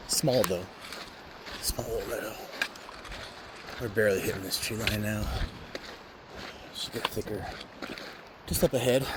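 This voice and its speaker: Man, hiker vlogger, casual trail chat into a phone, outdoor noise audible. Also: medium pitch. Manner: chatty, talking while hiking downhill. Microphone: handheld phone. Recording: clear outdoor background noise.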